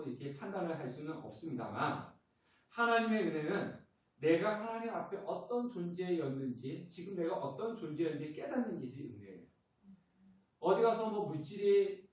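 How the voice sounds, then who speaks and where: Middle-aged guy pastor preaching, lively up and down voice, big echo, a bit far from the mic. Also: high voice. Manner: animated storytelling, acting out church members. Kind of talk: sermon. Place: church sanctuary. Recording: echoey church hall from far off.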